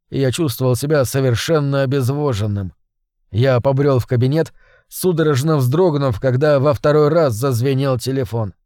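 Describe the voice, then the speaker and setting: A man's voice: fairly high pitch, darkish tone, no echo, clean studio sound. Tense male horror audiobook narrator. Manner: tense, dramatic storytelling. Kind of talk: scripted first-person horror narration.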